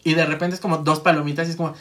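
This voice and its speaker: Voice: medium pitch, flat delivery, rapid-fire, fairly bright tone. A speaker in a casual chat, rambling and acting out their own inner monologue. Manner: rambling, acts out inner monologue, laughs often.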